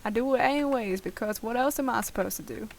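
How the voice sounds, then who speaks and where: Late at night at home, a young woman talks fast in a fairly high voice while playing a survival game, her casual Let's Play commentary rambling and self-deprecating. She's a gaming video host, and the poor-quality audio carries some hiss or hum.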